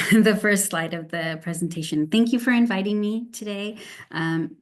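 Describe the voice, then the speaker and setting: A middle-aged Montessori teacher educator with a Canadian English accent gives an online presentation with shared slides as a guest speaker over a video call. She sounds halting and nervous, with frequent ums and restarts, in a mid-range voice.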